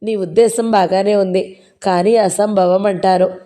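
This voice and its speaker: A woman's voice: mid-range voice, steady tone, measured pace, mellow, close to an everyday voice. A reserved, teasing young man, read by a woman.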